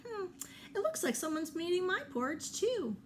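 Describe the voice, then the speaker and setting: A woman voicing a gentle mother bear who speaks in a soothing, sing-song tone. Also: extremely high pitch, very animated, normal speed, a little hiss or hum, voice pushed up. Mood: puzzled, soothing.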